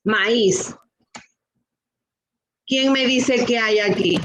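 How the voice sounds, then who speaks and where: A middle-aged woman teaches a class with a high voice. She takes her time, going word by word and asking her students the same question again and again. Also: fairly bright tone, poor audio. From Latin America. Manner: slow, patient, repeats rules and questions. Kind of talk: online class lesson.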